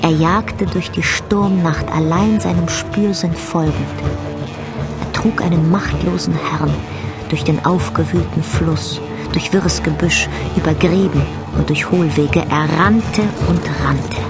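A woman narrating a radio drama in a measured, dramatic storytelling manner. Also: deep voice, steady tone, over loud music. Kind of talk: scripted literary narration.

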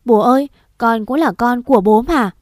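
A woman's voice: unhurried, dry recording, clean studio sound, close to an everyday voice. A woman voicing a young girl in an audio story, pleading with her father in a tearful voice. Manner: tearful begging, higher and louder.

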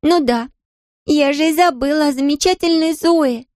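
A narrator voicing a distraught young daughter who pleads in a high, shaky, tearful voice. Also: steady tone, moderate pace, darkish tone, dry recording, studio quality. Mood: sarcastic. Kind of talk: audiobook character voice.

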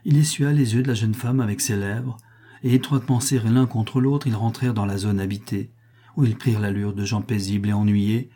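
A man narrating a novel aloud in a measured, expressive reading. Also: on the low side. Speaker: audiobook reader.

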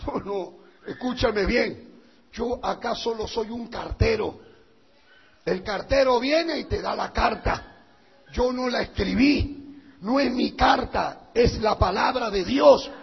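A male pastor preaching a fiery sermon, swinging between shouting and hushed intensity. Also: very high voice, takes it slowly, vocal fry, breathy edge. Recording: dull reverberant hall recording.

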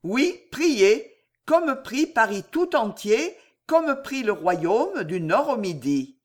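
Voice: mid-range voice, big pitch swings, takes it slowly, voice pushed up. A reader voicing a solemn, motherly woman who urges prayer, in an audiobook. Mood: insistent. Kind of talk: audiobook reading.

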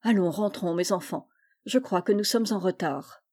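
Brief: practical nanny, steady and mellow, read by a woman. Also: mid-range voice, normal speed, husky, lightly acted. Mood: firm. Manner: calm, firm.

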